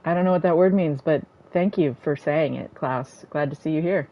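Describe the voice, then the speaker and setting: A woman streaming a game from her home setup, chatting in a rambling way and thinking out loud into a desk microphone. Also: deep voice, normal speed, muffled recording. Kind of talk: casual chat while gaming.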